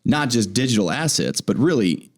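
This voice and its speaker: A man's voice: medium pitch, sing-song, moderate pace, breathy edge. A man co-hosting a radio show as an attorney, laid-back and jokey in casual chat. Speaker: attorney co-host. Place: radio studio.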